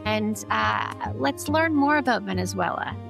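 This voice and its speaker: A woman's voice: medium pitch, animated, measured pace, vocal fry, over music. A woman hosting a podcast, introducing her guest and asking questions with many small fillers. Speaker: podcast host. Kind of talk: interviewing a guest.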